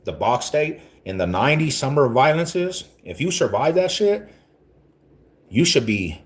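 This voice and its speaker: Greeting his viewers along the way, a livestream host in his forties from Denver, Colorado, talks casually in a very low voice. His loose, slang-heavy rambling keeps looping back to points he's already made.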